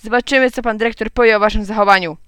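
Woman doing a stern school supervisor guy, bossy, crisp dry read. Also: medium pitch, steady tone, very fast, a bit bright, no room sound, lightly acted. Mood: scolding. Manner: stern, scolding. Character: strict male school supervisor, gruff and firm.

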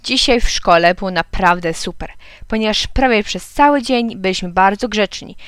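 A woman narrating a children's storybook in a lively, expressive way. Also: medium pitch, normal speed, clear, resonant tone, dry recording. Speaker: reader.

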